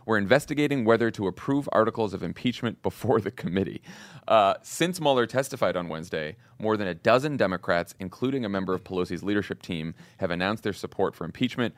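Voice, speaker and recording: A man's voice: fairly low pitch, no echo. A man hosting a political news discussion, presenting news and putting questions. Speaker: podcast host.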